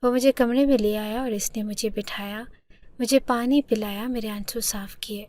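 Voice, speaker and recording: A woman narrating a first-person story in a soft, partly whispered, emotional manner. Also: on the high side, fairly even intonation.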